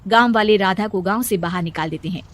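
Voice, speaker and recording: A woman narrating a storybook cartoon in a steady storytelling manner. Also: medium pitch, fast talker, very noisy.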